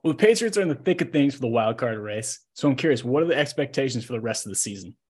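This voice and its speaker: A man's voice: medium pitch, expressive, fast talker, darkish tone, husky. A man hosting a sports podcast in a casual interview style.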